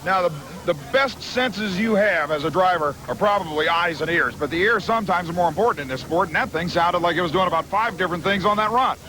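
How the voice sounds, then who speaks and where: Fast, high-voiced male trackside interviewer. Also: lively intonation. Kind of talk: sports interview. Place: outdoors at a pulling track. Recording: noisy outdoor trackside, engine din.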